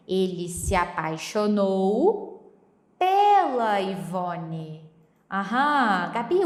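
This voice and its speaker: A woman from Brazil teaching English pronunciation through a song, explaining step by step and slowly repeating lyric lines. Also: fairly high pitch, roomy sound.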